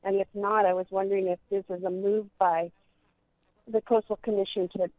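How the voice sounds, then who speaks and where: A woman's voice: medium pitch, level tone, a little fast, no echo. Woman calling in on a tinny phone line. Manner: hesitant, reading written questions. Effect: over the phone, on speakerphone. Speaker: caller. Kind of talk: call-in question.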